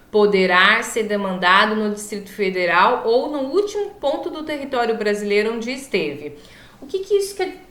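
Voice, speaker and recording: Female Brazilian lecturer, slightly high voice, swollen-lip speech, informal explaining with self-corrections, roomy echo. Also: pushed and bright. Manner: stumbles on long words and corrects herself, checks in often. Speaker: law teacher. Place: echoey room, online class. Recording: echoey room.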